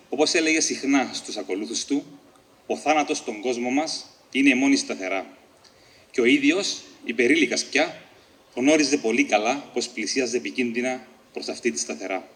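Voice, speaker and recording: A man reading his own short story aloud at a book launch, with a measured, deliberate delivery and the odd slip and restart. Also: mid-range voice, fairly bright tone.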